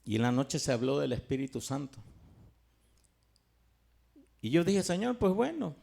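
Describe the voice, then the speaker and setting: Fervent, gravelly man's testimony. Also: medium pitch, darkish tone. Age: middle-aged. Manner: earnest, fervent, pauses and restarts. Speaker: church member giving testimony. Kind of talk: personal church testimony.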